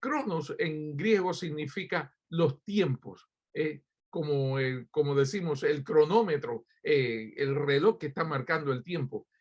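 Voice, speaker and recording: Addressing his listeners directly, a pastor from Cuba delivers a sermon full of rhetorical questions and hesitant fillers. His voice sits on the high side with a darkish tone, and he speaks unhurriedly with hardly any pauses.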